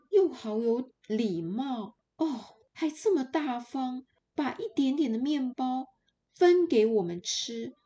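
A woman voicing three kindly little forest dwarves in a children's story, talking gently and coaxingly with small stammers. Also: a little high, pitched above the performer's own voice.

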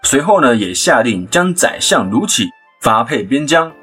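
A man's voice: medium pitch, husky, faint music behind. A man with a Taiwanese Mandarin accent, hosting a podcast and chattily retelling a legend with asides. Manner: chatty, animated retelling with quick asides and laughs. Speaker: podcast host, storyteller. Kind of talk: casual storytelling podcast.

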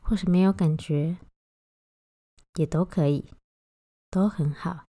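语速缓慢、音色柔和的女性冥想引导. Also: female voice, on the low side, steady tone, no room sound, clean studio sound. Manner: gentle, unhurried instructing with long pauses. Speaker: meditation guide. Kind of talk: guided body-scan meditation.

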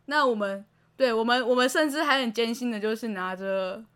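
A woman with a Taiwanese Mandarin accent chats away as a podcast co-host, quick and giggly. Her voice sits high and sounds bright and sharp. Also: smooth. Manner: giggly, animated storytelling. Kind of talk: casual chat.

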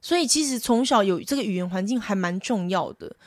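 A woman's voice: medium pitch, lively intonation, brisk, no echo, clean studio sound. A Taiwanese woman in her thirties, a podcast co-host and mother, chatting casually and laughing often. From rural Taiwan. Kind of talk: casual chat mixing Hokkien and Mandarin.

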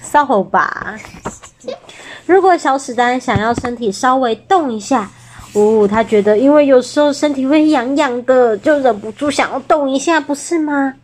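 Taiwanese-accented mom, storybook read-aloud, gentle, chatty, higher voice. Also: female voice, moderate pace. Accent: Taiwanese Mandarin. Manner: gentle, chatty, asks the child questions. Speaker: mother reading to her child.

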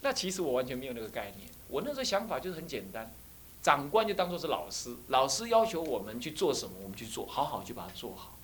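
A man, a Buddhist abbot giving a dharma class to monastic students and telling personal stories in an animated way. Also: mid-range voice, quick pace. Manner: animated storyteller who acts out dialogue.

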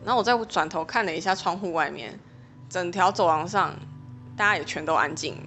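A woman's voice: on the low side, brisk, fairly bright tone, soft background music. Chatty young woman telling a story. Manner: chatty, rambling retelling with many fillers, flaring up when recounting quarrels. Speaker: podcast host. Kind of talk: personal storytelling monologue.

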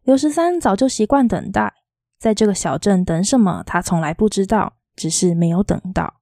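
Soft-spoken woman reading a novel. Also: medium pitch, expressive, normal speed, dry recording, clean studio sound. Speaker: audiobook reader.

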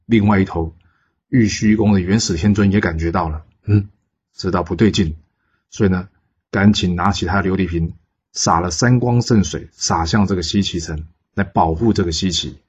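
A man with a deep, husky voice tells an old legend in a chatty way, tossing questions at the listener. The sound is muffled and lo-fi. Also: normal speed, a little mellow. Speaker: storyteller. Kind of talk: casual storytelling of a folk legend.

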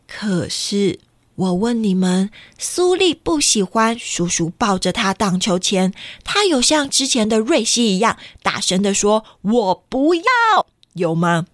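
A woman reading a picture book aloud to children in an animated way, often stopping to ask them questions. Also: mid-range voice, measured pace, no echo. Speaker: children's storyteller.

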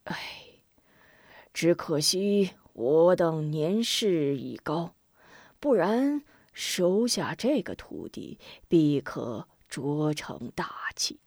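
A wistful old Taoist master, as a woman storyteller puts him on, soft and half-whispered. He takes his time, with a lively lilt, heard in a dry, close sound. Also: lowish voice, slow pace, no room sound, full character voice. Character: elderly male Taoist master, gentle and wistful.

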